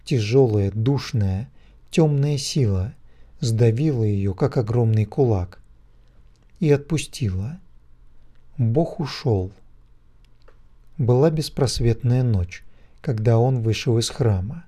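Slow, mellow male fantasy narrator. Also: medium pitch, animated. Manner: measured, rhythmic storytelling. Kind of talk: dramatic fantasy audiobook narration.

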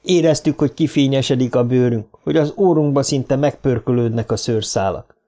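A man narrating an audiobook in a measured, first-person storytelling manner. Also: mid-range voice, dark tone.

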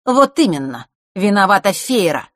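A woman's voice: low-pitched, normal speed, husky, no echo, clean studio sound. A woman voicing an arrogant teenage boy who talks down to others and makes threats. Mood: scornful. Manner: condescending, threatening.

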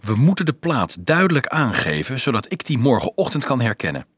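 A man's voice: medium pitch, very animated, a little fast, fairly bright tone, husky, no room sound, clean studio sound. A man doing a troubled, urgent young hero. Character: anxious young man searching for his father.

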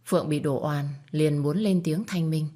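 Low-voiced woman reading a story. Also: normal speed. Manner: steady, even storytelling. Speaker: narrator. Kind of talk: audiobook story narration.

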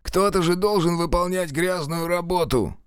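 A man's voice: sits high, moderate pace, clear, resonant tone, no echo, studio quality, voice pushed up, lightly acted. A man voicing a wounded, foul-mouthed middle-aged ex-convict who snaps defiantly at his captors. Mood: sullen. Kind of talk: audiobook character voice.

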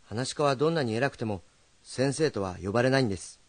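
An actor playing a young, earnest rakugo storyteller who is direct and meddling but kind. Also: male voice, medium pitch, fast talker, no echo, lightly acted. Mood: calm. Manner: animated, direct speech.

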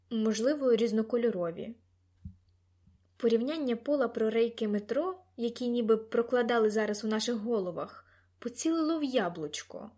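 A woman narrating a novel in the first person, reading in a lively, expressive way. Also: a little high. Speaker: audiobook narrator.

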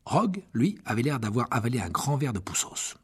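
A male audiobook narrator telling the story in scripted narration. His voice is husky and mid-pitched. The pitch moves around a lot as he tells it. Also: brisk. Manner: expressive storytelling.

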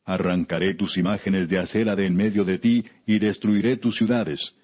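Low voiced guy doing solemn declamatory bible narration, measured, kinda muffled lo-fi radio sound. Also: steady tone, husky. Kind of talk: scripted solemn Bible reading.

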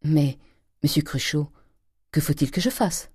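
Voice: medium pitch, a little slow, a little mellow, husky, dry recording, studio quality. A reader voicing a meek, devoted young woman who speaks earnestly.

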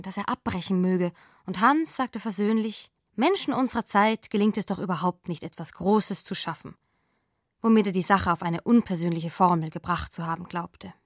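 Female radio play narrator, clear, even, dry close sound. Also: mid-range voice, no echo. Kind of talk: scripted radio drama narration.

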